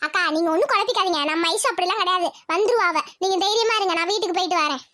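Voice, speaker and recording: A woman's voice: very high voice, very fast, pushed and bright. A woman voicing a chatty, agreeable neighbour. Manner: agreeable, reassuring, deferential.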